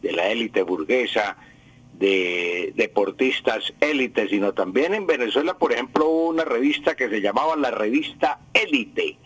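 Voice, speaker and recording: A man's voice: mid-range voice, animated, moderate pace, a bit bright, slightly rough, no room sound, rough recording. An older man answers listeners' language questions on the radio, teaching patiently and repeating the key words. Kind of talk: radio call-in explanation.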